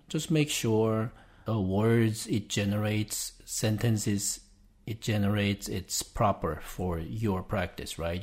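Narrating every click, a podcast host whose first language is Korean guides viewers through a relaxed step-by-step screen-share tutorial. He speaks in a lowish voice with a darkish tone.

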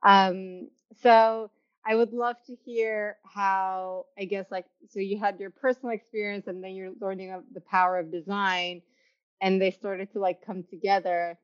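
A woman's voice: mid-range voice, level tone, a little slow, clear, resonant tone. Young female host raised in Turkey, chatty and loose, over a slightly muffled video call. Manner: chatty, many restarts and fillers, laughs often. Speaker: podcast host. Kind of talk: casual interview chat. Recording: slightly dull, lo-fi sound.

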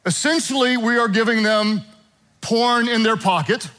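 A man's voice: very high voice, normal speed, rough recording. A middle-aged man preaching a sermon to a church congregation, telling family stories with playful humor. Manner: animated storytelling with playful humor. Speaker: pastor. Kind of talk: sermon to a live and online congregation.

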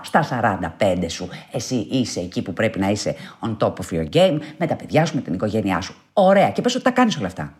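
An outspoken woman speaks candidly as she answers a reader's letter. Her talk is casual, with a stray curse here and there. Her pitch leaps and dives wildly. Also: darkish tone. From Greece. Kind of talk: casual spoken advice monologue.

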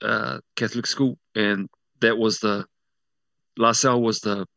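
A man from South Auckland with a New Zealand accent, telling personal stories casually as an interview guest, often halting and correcting himself. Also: fairly low pitch, fairly even intonation, creaky, fairly bright tone, no room sound. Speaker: interview guest working in media.

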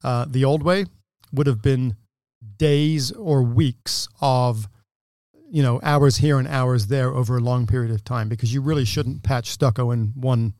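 A man's voice: medium pitch, measured pace, darkish tone, no room sound, clean studio sound. A man in his sixties from England, a business owner, explaining his trade in detail in a casual interview. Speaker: guest, window company owner.

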